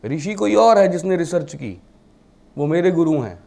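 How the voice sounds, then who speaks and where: Man teaching a class in a dark voice. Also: a little high, expressive, moderate pace, gravelly. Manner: mixes English terms into Hindi, rhetorical questions. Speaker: vastu teacher. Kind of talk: classroom lecture.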